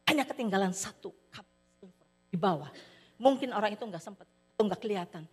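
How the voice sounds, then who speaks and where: A woman preacher telling a story in a sermon, animated, acting out the characters' voices. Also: mid-range voice, brisk, slightly rough. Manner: animated, acts out characters' voices, addresses listeners as "saudara". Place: church hall. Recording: long hall reverb.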